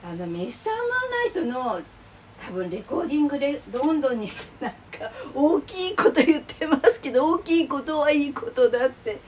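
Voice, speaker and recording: A woman's voice: high-pitched, very animated, brisk. A middle-aged woman chatting away while she cooks lunch boxes in her home kitchen, rambling, exclaiming and laughing as she works. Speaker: vlogger cooking lunch boxes. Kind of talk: casual chat while cooking. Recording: distant mic, clear kitchen noise.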